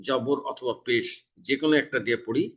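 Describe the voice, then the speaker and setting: A man from Bangladesh, a Quran teacher in a mosque, explaining tajweed rules step by step and reciting short verse examples slowly. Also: medium pitch, fairly even intonation, a bit bright. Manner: explains each error, then recites the verse slowly and drawn out. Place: mosque in Dhaka.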